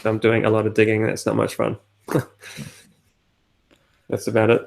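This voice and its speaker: A man's voice: fairly low pitch, completely flat delivery, normal speed, creaky. A man co-hosting a casual podcast, talking in a hesitant, matter-of-fact way with many fillers. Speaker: podcast co-host. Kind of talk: casual chat.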